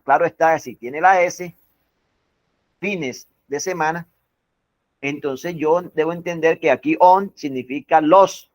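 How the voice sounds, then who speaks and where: Male teacher, methodical and drawn-out, checks the class often. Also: a little high, no echo. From Colombia. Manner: slow, repetitive, stresses words one by one; keeps asking the class to confirm. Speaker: English teacher. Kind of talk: classroom lesson. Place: classroom with students.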